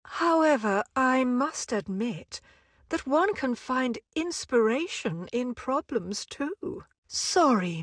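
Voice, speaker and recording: A woman playing a genteel, sentimental older book lover in a game story, gentle and polite in manner. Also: a little high, husky, no echo, clean studio sound, full character voice. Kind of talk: scripted game story dialogue.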